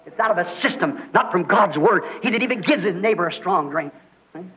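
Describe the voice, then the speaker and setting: A man preaching a fervent sermon, impassioned and folksy, breaking into shouts. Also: high voice, expressive, normal speed. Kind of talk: fiery old sermon recording. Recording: dull lo-fi archive tape.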